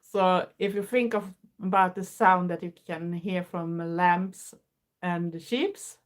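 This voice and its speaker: A Swedish woman in her fifties, hosting a livestream, chats earnestly with her viewers in English with a Swedish accent and small grammar slips. Her voice is lowish and her pace slow.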